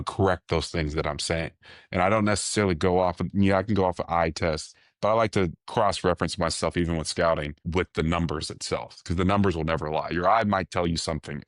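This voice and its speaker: A man's voice: low voice, dry recording, studio quality. A young adult man talking casually as a podcast guest, rambling and restarting his sentences, with lots of "you know.". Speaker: podcast guest, baseball coach.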